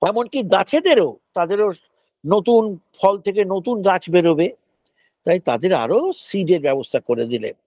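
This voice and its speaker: A male professor with a Bengali accent giving an animated classroom lecture, moving between Bengali and English and acting out little voices. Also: high-pitched, moderate pace, dry recording, lo-fi sound.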